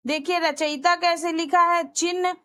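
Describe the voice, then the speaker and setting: Woman teacher, very high voice, step-by-step exam lesson, repeats each answer. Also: fairly even intonation, normal speed, sharp tone. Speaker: Hindi teacher.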